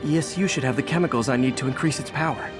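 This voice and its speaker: A man's voice: mid-range voice, fast talker, over music, natural voice. An actor playing a quippy young male superhero who thinks aloud in a video game, with an American accent and a chatty, earnest, wry manner. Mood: thoughtful. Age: young adult. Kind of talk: video game voice acting, self-narrating.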